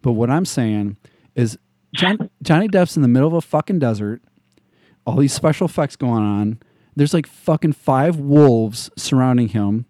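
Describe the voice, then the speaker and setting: A man talking in a casual, profane rant, constantly swearing and throwing in mocking little voices of the people he scorns. His tone is dark and mellow. The sound is dry and close. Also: mid-range voice, animated, normal speed, no echo. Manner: heavy swearing, mocking impressions.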